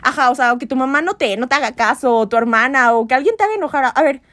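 High-voiced young woman, chatty. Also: very fast, dry recording, studio quality. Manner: animated, laughs often, acts out quoted voices. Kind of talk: casual chat.

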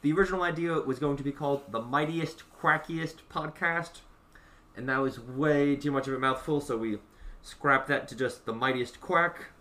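Chatty man podcast host, bright voice. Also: mid-range voice, moderate pace, recorded from a distance. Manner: chatty, laughs often, self-deprecating. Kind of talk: casual chat.

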